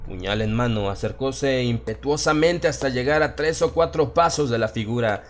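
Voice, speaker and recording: Reading a horror audiobook with a Latin American Spanish accent, a man uses a medium-pitched voice at normal speed. The scripted narration is solemn, theatrical and dramatized, set against background music, with slight background noise.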